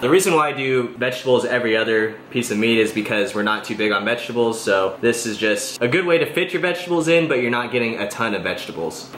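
A man's voice: mid-range voice, fast, hardly any pauses, a bit bright, a little hiss or hum. A young man in his twenties giving a casual step-by-step cooking how-to in a home kitchen, explaining in an easygoing way. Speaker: fitness vlogger.

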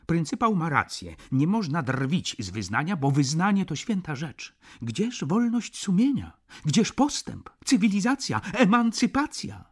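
A man voicing an indignant, fawning male shop clerk in an audiobook, his voice climbing shrill with outrage. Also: very animated, measured pace, hardly any pauses, husky, full character voice.

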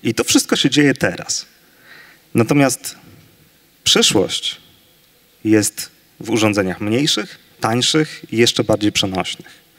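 A man's voice: fairly low pitch, sing-song, a bit bright. A man on a large conference stage with a handheld mic, confidently laying out his side of a staged debate. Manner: confident, listing facts briskly. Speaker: conference debater on virtual reality.

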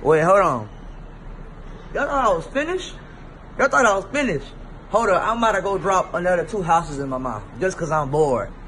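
A young man with grillz on his teeth, talking loudly and boastfully in a casual clip. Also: high voice, animated, slight background noise, low-quality recording. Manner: loud, bragging, drawn-out emphasis. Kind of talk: boastful casual talk to camera.

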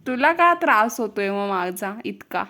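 A woman's voice: medium pitch, very animated, measured pace, pushed and bright. A young woman chatting casually in a family vlog, teasing and laughing often. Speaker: vlogger, mother.

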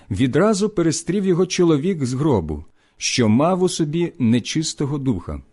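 Man reading scripture in a mellow voice. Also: a little high. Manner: measured, expressive reading. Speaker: Bible reader.

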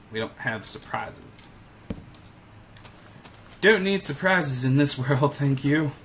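A man playing a video game offers relaxed let's-play commentary, muttering under his breath and coaxing in-game animals. He has a medium-pitched, fairly bright voice, and there's a little hiss or hum.

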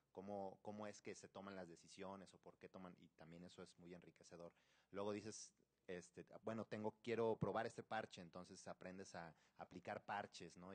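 Low-voiced man, encouraging. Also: little pitch movement, normal speed. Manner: encouraging, checks with tag questions. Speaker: conference attendee, programmer. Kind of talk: informal explanatory talk.

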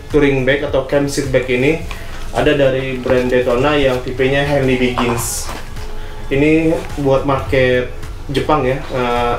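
A young man casually reviewing a camping bag in a small gear-filled room, chatty with lots of fillers and tag questions. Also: mid-range voice. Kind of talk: casual product unboxing. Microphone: camera on tripod, seated. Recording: echoey room with faint music.

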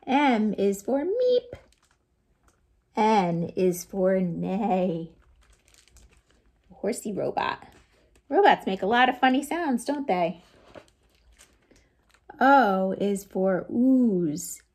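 An American woman in her 40s, a children's librarian, hosts a read-aloud storytime for young children from a small lamp-lit room at home. Her medium-pitched delivery is animated, sing-song and swooping, very unhurried, and full of playful sound effects.

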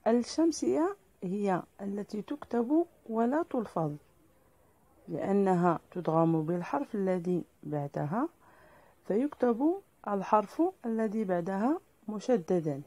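A woman teacher with a Moroccan accent, explaining a lesson to pupils slowly and deliberately, spelling out each example. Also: medium pitch, expressive, mellow, dry recording.

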